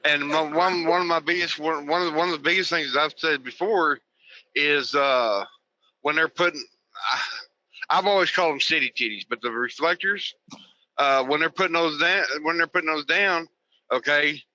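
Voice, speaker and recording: A man's voice: a little high, moderate pace, pushed and bright. Male co-host, rambling remote call, dull lo-fi sound. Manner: rambling, restarts phrases often. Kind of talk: casual live talk show chat. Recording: muffled remote call audio.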